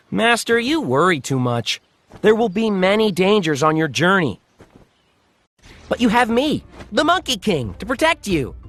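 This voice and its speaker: A man voicing a brash, hot-tempered monkey king in a children's animated story, boastful and cheeky. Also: high voice, unhurried, long pauses, exaggerated voice. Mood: boastful, amused. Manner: boastful, impudent.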